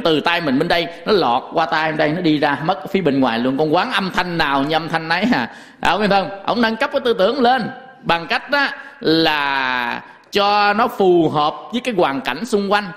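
Male Buddhist preacher, somewhat higher pitch, folksy storyteller. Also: a bit bright, in a large hall. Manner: folksy, rhetorical questions, storytelling. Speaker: Buddhist monk teacher. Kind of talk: dharma talk.

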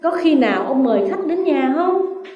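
A woman with a Southern Vietnamese accent voicing the Buddha as a calm, gentle man speaking in measured words. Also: sits high, dull audio, soft background music. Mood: serene. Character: calm wise male Buddha teacher. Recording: roomy, distant mic.

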